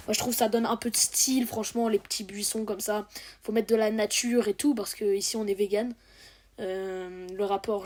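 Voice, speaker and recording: Her fairly high voice has a darkish tone as this teenage gaming creator talks casually over footage of her game. It's a home recording dubbed onto the gameplay, and she wanders, cracks jokes and hesitates a great deal.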